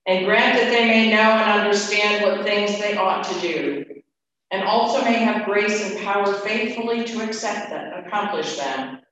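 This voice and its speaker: A man's voice: sits high, fairly bright tone. Man leading liturgy in cathedral echo. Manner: measured, formal liturgical recitation. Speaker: worship leader. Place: large church. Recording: echoey church hall from far off, dull, noisy.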